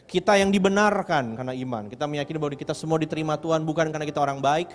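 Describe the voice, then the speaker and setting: A man preaching a sermon as pastor, lively, acting out the voices of people he quotes and mixing English words into his talk. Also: fairly high pitch, rapid-fire. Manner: animated, acts out quoted voices. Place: church hall. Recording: church hall with long reverb.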